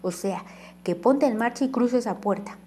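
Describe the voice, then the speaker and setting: A woman's voice: fairly high pitch, normal speed, mellow, slight background noise, natural voice. A woman voicing a blunt, slangy young gamer friend in an audiobook. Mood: urgent.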